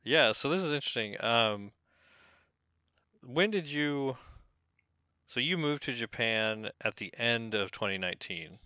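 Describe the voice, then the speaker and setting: A man's voice: mid-range voice, lively intonation, measured pace, long pauses, sharp tone, smooth, no room sound. A man co-hosting a podcast in casual, wry chat, heard over a remote call with a tinny tin-can sound. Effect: tinny tin-can sound from remote recording. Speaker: podcast co-host. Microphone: remote call setup. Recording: dull lo-fi remote call audio.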